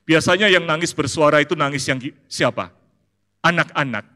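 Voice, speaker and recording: Man, pastor preaching, animated, playful, bright voice, long church-hall reverb. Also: normal speed. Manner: animated, playful, rising to high emphatic peaks and dropping to soft asides. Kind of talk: sermon.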